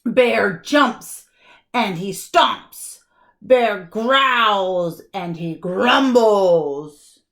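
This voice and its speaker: Very slow, expressive woman storyteller. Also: medium pitch. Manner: deliberate, dramatic pauses and emphasis. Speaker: kindergarten teacher. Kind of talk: expressive children's storybook read-aloud.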